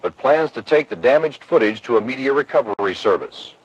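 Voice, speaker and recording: A man's voice: mid-range voice, lively intonation, a little fast, noisy background, natural voice. Man playing a news reporter on dull audio. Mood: formal. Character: formal male news reporter.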